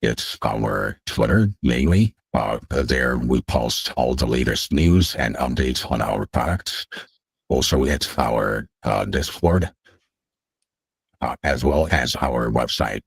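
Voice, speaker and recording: A man's voice runs through a voice changer that drops it extremely deep, with a husky, breathy grain. He talks slowly and haltingly, with many filler sounds, as a guest in a casual online chat. The sound is dry and close. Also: animated, no echo. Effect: voice changer shifting the voice very deep. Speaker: guest representing a project.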